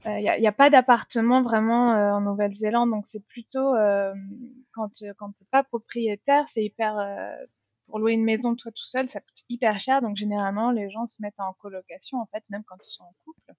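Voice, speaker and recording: A woman's voice: mid-range voice, fairly even intonation, brisk, a little mellow, no room sound, dull audio. A young French woman being interviewed, chatting casually with frequent laughs and hesitant fillers. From France. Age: young adult. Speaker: interview guest.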